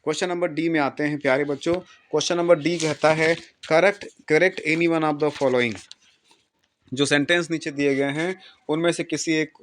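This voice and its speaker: A man gives an exam-preparation English lesson. His voice sits a little on the high side, and he dictates each example sentence slowly, then repeats it and checks back with his students. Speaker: English teacher. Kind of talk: exam-prep lesson explaining in Hindi.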